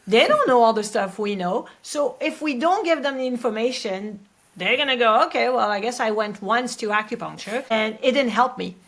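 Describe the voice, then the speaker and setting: A woman in her late thirties with a French accent, her voice high, gravelly, and a bit bright, appears as a guest acupuncturist and educator in a casual interview. She speaks earnestly and emphatically, often ending her points with a tag question.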